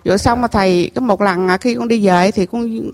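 A woman's voice: mid-range voice, darkish tone. Earnest middle-aged woman with a Southern Vietnamese accent. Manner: earnest, halting, repeats herself and keeps addressing the master. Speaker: temple visitor telling her story. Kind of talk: emotional personal testimony.

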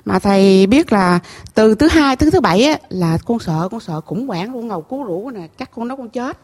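Her voice fairly high, expressive and a touch mellow, a middle-aged woman with a Southern Vietnamese accent gives an emotional testimony at a temple gathering. She is earnest and halting, repeating herself and continually addressing the master as she tells her story.

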